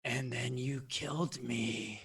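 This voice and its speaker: A game master voicing an undead male maze keeper, speaking in a rasping, wheezing, breathy whisper. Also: medium pitch, steady tone, takes it slowly, fairly bright tone, full character voice. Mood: eerie. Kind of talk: voicing a creature in a tabletop game.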